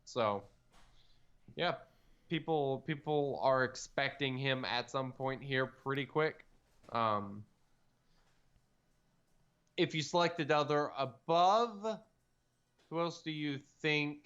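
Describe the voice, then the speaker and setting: A man co-hosting a podcast in relaxed chat, wandering through his points with plenty of ums and uhs. His voice is smooth and clean. The recording sounds dull and lo-fi. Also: medium pitch. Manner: rambling, lots of fillers and trailing off. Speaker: podcast co-host. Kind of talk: casual chat.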